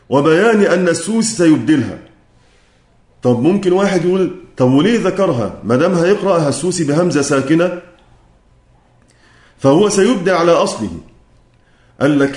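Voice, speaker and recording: A man with an Egyptian accent gives a classroom lecture in a somewhat high voice. He draws out verse lines in a slow chant and turns to quiz his listeners. The recording is echoey and roomy. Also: darkish tone. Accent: Egyptian Arabic. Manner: chants verse lines slowly, quizzes the students. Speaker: lecturer on Quran recitation.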